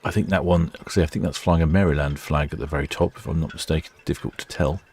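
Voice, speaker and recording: A man's voice: rumbling low, steady tone, fast, a little mellow, husky. A man hosting a casual live ship-spotting stream, chatting and musing as he watches. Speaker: livestream host.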